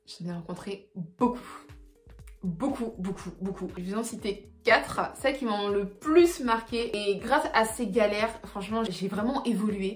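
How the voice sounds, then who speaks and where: Young woman travel vlogger, slightly high voice, animated and slangy, laughs through her stories, echoey room with faint music. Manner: animated, slangy, laughs while telling mishaps. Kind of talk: casual storytelling to camera.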